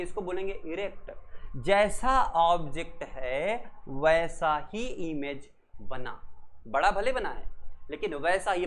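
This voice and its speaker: A male physics teacher explaining at a board, asking questions, answering them himself and saying each rule slowly word by word. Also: high-pitched, a little hiss or hum. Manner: asks questions and answers them himself, calls students beta; says rules slowly in English, word by word.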